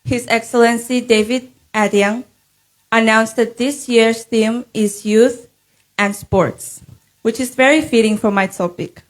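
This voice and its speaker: A young woman delivers a prepared, formal speech as a pageant contestant. Her voice sits fairly high. She speaks earnestly, with measured, rhetorical phrasing. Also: steady tone, poor audio. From Nauru. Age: young adult.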